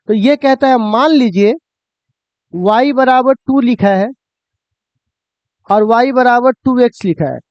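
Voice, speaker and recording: A man's voice: very high voice, a little mellow, smooth, no room sound. A man teaching physics to students, asking questions and answering them himself. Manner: addresses students fondly, asks and answers his own questions. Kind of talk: classroom lecture to students.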